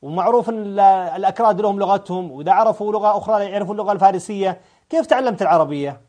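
A man hosting a live call-in show, pressing callers with rapid questions. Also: sits high, a little mellow. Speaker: talk show host.

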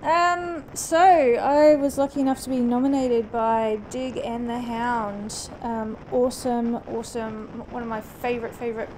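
Recorded on a helmet-mounted action camera with engine and wind noise and poor audio, a late-thirties woman vlogs while riding on an open country road. A New Zealander raised in Australia, she has a mixed accent and a relaxed style full of ums and restarts. Her voice sits on the high side, steady, unhurried and a little mellow, with hardly any pauses.

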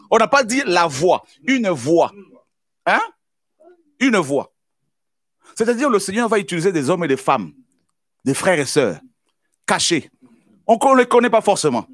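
A man preaching a sermon as pastor, with repeated exclamations and bursts of shouting. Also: sits high, dry recording.

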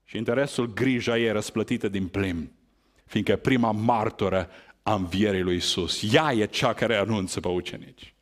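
A man preaching a sermon, asking rhetorical questions and stressing his points with big rises and falls in pitch. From Romania. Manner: emphatic, rhetorical questions, wide swings in pitch.

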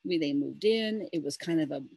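A woman's voice: low voice, normal speed, gravelly, a little mellow, slightly rough, dry recording. A middle-aged woman co-hosting a casual chat, telling a rambling, emotional story with many restarts. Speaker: co-host.

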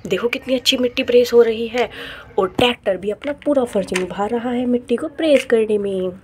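A woman narrating a homemade toy play story in a chatty, excited way. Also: fairly high pitch, fairly quick, slight background noise. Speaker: toy play channel host.

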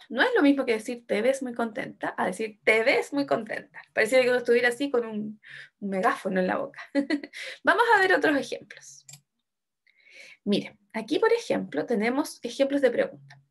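Lively woman teaching small children. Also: fairly high pitch. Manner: expressive, acts out example sentences with emotion. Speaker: primary school teacher. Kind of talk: online class for young children.

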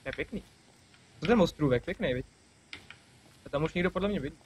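A young man hosting a gaming video, chatting casually and excitedly with a friend, swearing and laughing often. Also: fairly high pitch, a little hiss or hum, rough recording. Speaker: gaming channel host. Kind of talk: casual let's-play banter.

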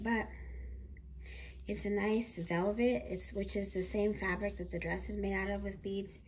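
A woman with a slightly harsh, hoarse voice from being sick, chatting casually and ramblingly as she shows off her hobby finds. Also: mid-range voice. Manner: informal, rambling, self-correcting. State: getting over a sickness, slightly hoarse. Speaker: doll collecting vlogger. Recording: roomy echo with clear background noise.

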